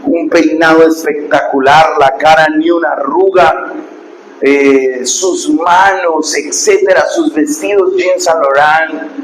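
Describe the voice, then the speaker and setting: A man pastor, preaching a sermon and telling stories, dropping to hushed asides and rising to loud preaching. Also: a little high, steady tone, slow pace. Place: church hall. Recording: echoey hall with background noise.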